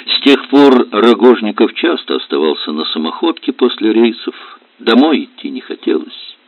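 A man narrating an audiobook in a measured, expressive voice. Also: mid-range voice, vocal fry, dry recording. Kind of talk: audiobook reading. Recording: dull lo-fi recording.

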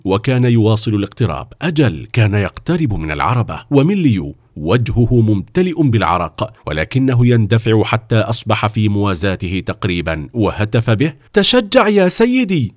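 Male narrator for a kids' story, low voice, dry close sound. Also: expressive, a little fast, a little mellow, dry recording.

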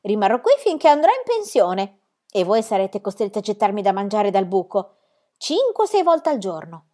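A woman voicing a bold, playful little girl with a loud, high, emphatic voice. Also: very animated, normal speed, natural voice.

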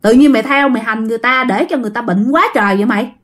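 A woman's voice: a little high, rapid-fire, a bit bright, close to an everyday voice. A woman doing a stern male exorcist. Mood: scolding. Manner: scolding, commanding.

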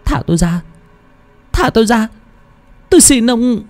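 A man's voice: extremely high pitch, expressive, a little slow, a little mellow, pitched above the performer's own voice. A man voicing a terrified young woman who sobs and begs for mercy. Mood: pleading. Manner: sobbing, begging.

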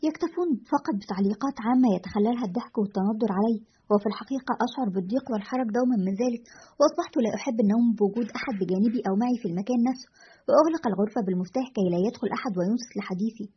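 A woman narrates a scripted story in a brisk, even manner. Her voice is slightly high and husky, and she reads at a very fast clip through a dull, lo-fi recording.

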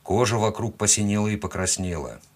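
A man narrating an audiobook in first person, dry, gruff and matter-of-fact. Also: fairly low pitch, fairly quick.

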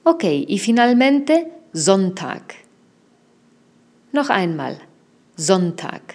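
Woman, language teacher, slow deliberate delivery, patient drills, careful enunciation. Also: medium pitch, big pitch swings, darkish tone. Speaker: German teacher.

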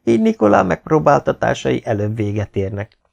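A man voicing a calm, easygoing medieval knight in an audiobook, speaking lightly to a friend. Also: mid-range voice, vocal fry, lo-fi sound, voice pushed up, exaggerated voice.

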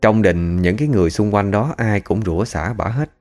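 A man's voice: fairly low pitch, fairly quick, a little mellow, soft background music. Chatty man telling ghost stories. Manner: colloquial, chatty. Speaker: storyteller. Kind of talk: ghost story narration.

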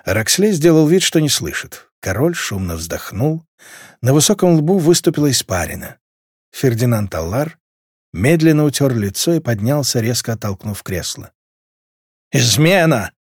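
Expressive male audiobook narrator. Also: mid-range voice, normal speed, husky, dry recording, clean studio sound. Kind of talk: scripted narration.

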